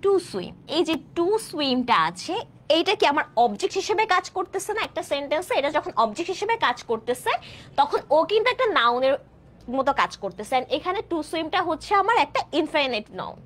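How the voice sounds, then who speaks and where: A woman in her twenties from Bangladesh, teaching an online English grammar class and often checking that students follow, with slow, drawn-out example sentences. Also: sits high, very animated, fairly bright tone. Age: 20s. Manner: keeps asking students questions to check understanding; stretches out example sentences slowly. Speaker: admission test English tutor.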